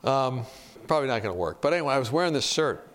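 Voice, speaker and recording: A man preaching in a conversational, animated way, telling a personal story to his audience. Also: mid-range voice, fast. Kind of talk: storytelling sermon.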